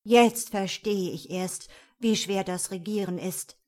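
A woman's voice: mid-range voice, takes it slowly, a little mellow, natural voice. A woman voicing a young, dreamy prince who resents becoming king. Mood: weary. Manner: sulky, dramatic outbursts.

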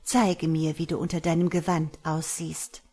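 A woman voicing a husky, lustful witch. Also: low voice, level tone, normal speed, dark tone. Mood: impatient. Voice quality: rough, husky voice. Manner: murmuring and seductive, turning to shrieks.

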